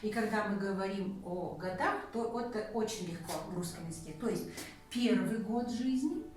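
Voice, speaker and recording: A woman with a mid-range, slightly mellow voice speaks at normal speed, with slight background noise. She teaches a language lesson, patiently explaining a grammar point, counting through examples and checking in with her student. The recording is very echoey, her voice distant, with faint music.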